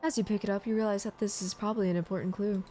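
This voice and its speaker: A woman's voice: medium pitch, fairly even intonation, racing, mellow, slight background noise. A woman streaming a game, reading its text aloud expressively and adding casual commentary. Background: music.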